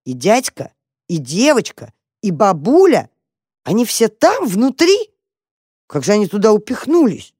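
A woman's voice: deep voice, big pitch swings, normal speed, darkish tone, breathy edge, no room sound, full character voice. A mischievous young mouse wonders aloud in a sly, eager tone, as a woman reads him in a storybook. The voice stays near her own, close and dry.

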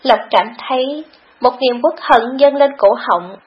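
A woman narrating a long audiobook in a steady, dramatic storytelling manner. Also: high voice, measured pace, slight background noise. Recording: dull lo-fi recording.

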